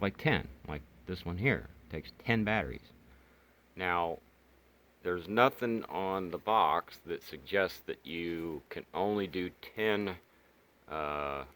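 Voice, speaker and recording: A hobbyist video host reviewing radios gives a casual, unscripted product demo, talking hesitantly and rambling. His low, slightly bright voice has lively intonation, a slow pace and long pauses, with clear background noise in the recording.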